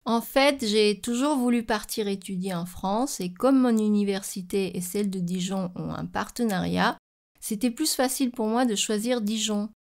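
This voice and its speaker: Woman doing a young exchange student, calm and polite, matter-of-fact answers, scripted interview. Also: medium pitch, moderate pace, lightly acted. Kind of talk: scripted radio interview for a lesson.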